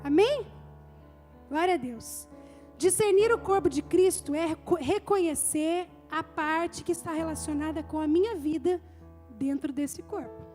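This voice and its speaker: A woman's voice: very high-pitched, a little slow, warm tone, faint music behind. A woman pastor preaching a live church sermon, emphatic and building her points through repeated phrases. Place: church service.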